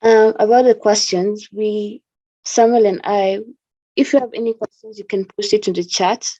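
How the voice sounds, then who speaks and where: A woman hosts an online talk over a video call. She reads a formal introduction in a warm, mellow voice at a middle pitch. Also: steady tone, normal speed, muffled recording. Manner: formal, scripted. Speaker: host. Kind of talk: reading an introduction.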